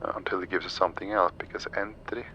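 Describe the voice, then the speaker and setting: A man's voice: low-pitched, fairly even intonation, fast, sharp tone, lo-fi sound, a little hiss or hum. A man streaming a flight simulator, thinking aloud through each step as he gives live commentary and makes pilot radio calls.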